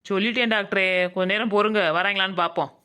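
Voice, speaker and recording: A voice actor playing a scatterbrained young village nurse in a cartoon comedy, blunt and quick, with a Madurai Tamil accent. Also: medium pitch, steady tone, bright, forceful tone, smooth, natural voice.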